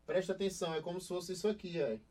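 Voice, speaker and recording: A young Brazilian man with a lively, slightly high voice gives a recorded online class, asking the students questions and answering them himself. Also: rapid-fire. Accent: Brazilian Portuguese. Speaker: Portuguese teacher.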